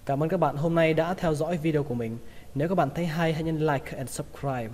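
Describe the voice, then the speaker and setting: A man's voice: a little high, darkish tone, in a large hall. Man teaching English words with a Vietnamese accent. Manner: repeats each word slowly several times. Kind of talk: pronunciation lesson.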